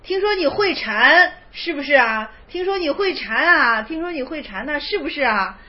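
A woman's voice: high-pitched, expressive, normal speed. A woman teaching Chan koans in an online class, speaking colloquially, repeating phrases and acting out the dialogue. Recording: dull lo-fi recording.

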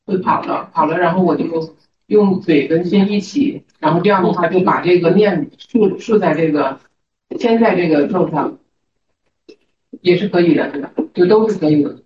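A man in a meditation group, describing his practice in a halting, unsure way. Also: high-pitched. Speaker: meditation student. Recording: distant, roomy, dull with faint noise.

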